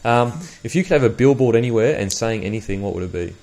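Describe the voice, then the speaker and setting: A man's voice: medium pitch, lively intonation, quick pace, a little mellow. Male podcast host. Blokey, slangy, matey interview chat, mid-range voice. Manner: blokey, slangy, says bro and man often.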